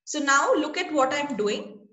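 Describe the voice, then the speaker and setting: A woman's voice: high-pitched, expressive, measured pace, pushed and bright, roomy sound. A woman teaching a class online over a video call. She is patient and checks in often with her students.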